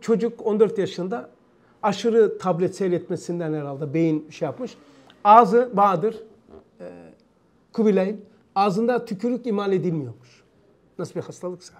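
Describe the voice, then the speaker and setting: A man teaching a religious lesson, telling stories in an animated, emphatic way and repeating phrases. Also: sits high. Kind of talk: storytelling lesson.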